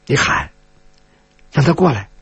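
A man storyteller voicing a stern young swordswoman who gives curt, threatening orders in a lowered voice. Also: a little slow, fairly bright tone, no echo, highs cut off, close to an everyday voice.

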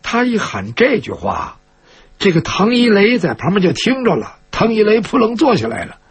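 Husky high-voiced guy telling an old-school story, super animated, dry sound. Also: dry recording. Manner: lively, colloquial, drawn-out. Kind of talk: traditional storytelling narration.

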